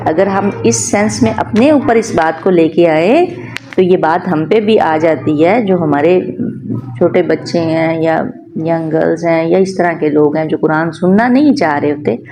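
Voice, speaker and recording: A woman teaching a Quran tafsir lesson, explaining verses with animated emphasis and soft laughs. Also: on the low side, a little slow, noisy background.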